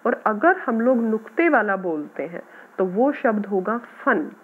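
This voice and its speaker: A woman teacher patiently explaining a grammar lesson to schoolchildren, sounding out words slowly. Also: medium pitch, animated, breathy edge. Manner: patient, addresses students as "beta", repeats words slowly. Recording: tinny phone-like audio.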